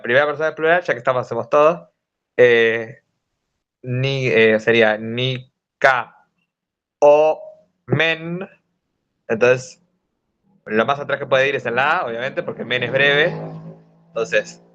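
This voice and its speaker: A young man with a Rioplatense accent leads a casual study group over a video call, talking at a middle pitch. He works through each point step by step, with plenty of fillers and hesitations. The call audio sounds dull and lo-fi. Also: a bit bright. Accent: Rioplatense Spanish. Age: young adult. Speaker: student tutor. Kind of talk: informal study-group lesson.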